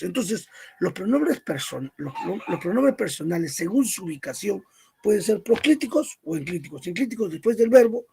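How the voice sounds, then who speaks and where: A man's voice: high voice, gravelly, a little mellow, breathy edge. A man teaching a grammar lesson, who asks questions, answers them himself and repeats word lists.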